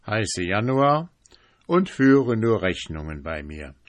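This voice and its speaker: Man playing hearty boastful merchant, storybook figure, raised voice, slow pace. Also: fairly low pitch, sing-song, no room sound. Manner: proud, boastful. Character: hearty fur-clad male merchant January.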